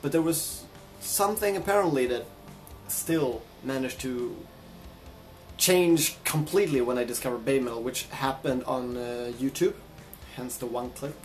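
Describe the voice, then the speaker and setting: A man's voice: medium pitch, moderate pace, faint music behind. A man from Sweden, telling a personal story in a casual, reflective vlog. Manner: reflective, chatty. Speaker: vlogger and guitarist.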